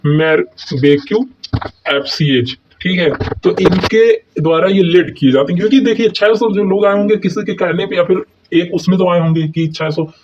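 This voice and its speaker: A man goes through history exam notes like a teacher, mixing Hindi and English and constantly posing questions he answers himself, with lots of "thik hai" and "hai na" check-ins. His voice sits fairly high and a little mellow, and the lo-fi recording sounds dull with slight background noise.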